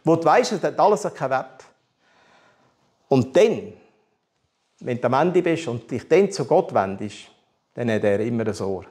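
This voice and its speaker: A man's voice: mid-range voice, animated, a little slow, pauses often, darkish tone. A man with a Swiss German accent preaching a candid personal testimony, telling his story with animation and humor. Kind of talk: testimony sermon.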